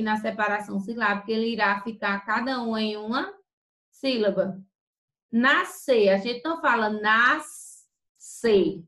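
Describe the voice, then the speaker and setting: A woman teacher giving a grammar lesson, spelling out sounds slowly and then explaining quickly. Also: on the high side, a bit bright, roomy sound, rough recording.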